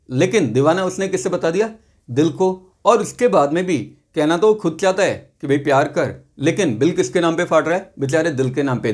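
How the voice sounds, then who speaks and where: A male teacher giving a chatty lesson, reading example sentences slowly and explaining them briskly with joking asides. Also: fairly high pitch. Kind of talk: classroom lesson explaining poetry terms.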